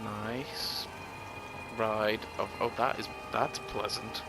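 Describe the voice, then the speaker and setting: A man's voice: fairly low pitch, fairly even intonation, slow, rough recording. A man commenting on a video game he plays, joking and swearing, and reading in-game notes aloud with dramatic storytelling. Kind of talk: let's play commentary. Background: game music.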